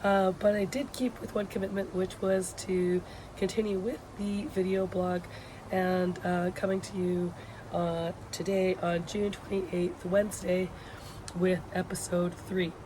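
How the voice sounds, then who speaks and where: This video blog features a university education instructor sitting out on a patio, delivering casual course news to her students. Her hoarse, sickly voice sits on the low side with a level tone, and her delivery is halting and full of pauses. Loud ambient traffic noise is heard throughout.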